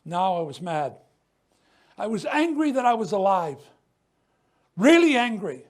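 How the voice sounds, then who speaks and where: A man with a high-pitched voice gives impassioned testimony at a news conference. He is emphatic, sinks to a near-hush on painful memories and surges on defiant points, with the odd stumble and restart. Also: big pitch swings, normal speed. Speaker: ministry leader speaking at a news conference.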